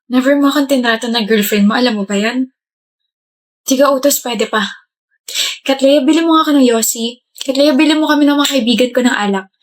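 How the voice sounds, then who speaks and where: A woman's voice: sits high, fairly quick, pauses often, close to an everyday voice. An actress playing a hurt, demanding young girlfriend in a melodramatic skit, complaining and pleading.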